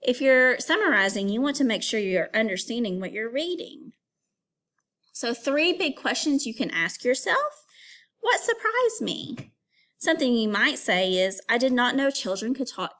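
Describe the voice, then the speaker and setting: Speaking as an elementary teacher, a woman gives children a read-aloud lesson, phrasing things clearly and guiding young listeners step by step. Her voice is fairly high with very animated intonation.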